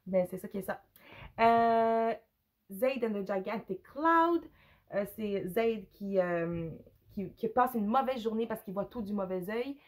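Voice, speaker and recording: A woman with a Quebec French accent and a hoarse, gravelly voice, casually reviewing books in a hesitant, rambling way with English words slipped in. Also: on the high side, expressive, slow. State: hoarse, with a cough. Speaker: book reviewer, mother. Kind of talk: casual unscripted review to camera.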